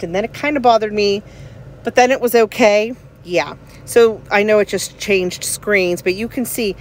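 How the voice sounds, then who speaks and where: A woman's voice: mid-range voice, a little hiss or hum. A woman in her forties chatting casually about a personal experience in a rambling, emphatic, conversational way. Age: 40s. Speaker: vlogger.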